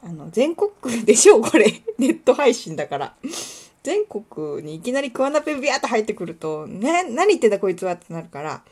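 Chatty woman from kuwana, lively pitch. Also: normal speed, breathy edge. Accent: Kuwana dialect. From Kuwana, Mie, Japan. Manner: chatty, rambling, many fillers, light self-deprecating laughs. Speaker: podcast host. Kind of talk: casual solo radio talk.

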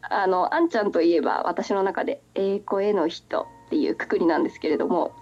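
A woman's voice: mid-range voice, fast talker, darkish tone, muffled recording, faint music behind. A woman hosting a casual chat. She giggles a lot and teases her guest playfully. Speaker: podcast host.

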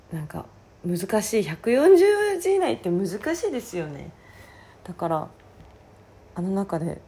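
A woman with a hoarse, raspy voice talking casually on her own as a podcast host. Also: fairly low pitch, dark tone. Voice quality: husky, raspy. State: hoarse voice, worn out from the day before. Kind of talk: casual solo chat.

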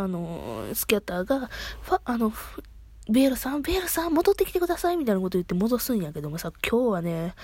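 Chatty Kansai woman, mellow dry voice. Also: mid-range voice, dry recording. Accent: Kansai Japanese. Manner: chatty, excitable fan talk full of restarts. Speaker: podcast host. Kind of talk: casual solo podcast chat.

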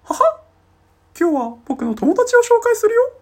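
A squeaky cartoon mouse with a piercing falsetto. He chirps every phrase with bubbly, over-the-top cheer, pitched far above a normal voice and belting loud. The whole thing sounds like a playful bedroom impression. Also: big pitch swings, measured pace, exaggerated voice. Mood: chirpy. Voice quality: shrill falsetto.

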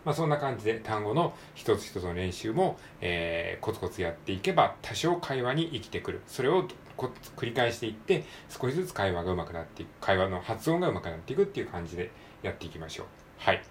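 Japanese-accented male tutor, low voice, slow patient drilling, solo practice lesson. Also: sing-song, slight background noise. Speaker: English pronunciation teacher.

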